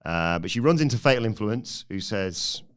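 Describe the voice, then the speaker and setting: A man's voice: fairly low pitch, expressive, moderate pace, clean tone. A man co-hosting a podcast, giving a dry, sarcastic play-by-play recap in casual chat. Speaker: podcast co-host recapping the show.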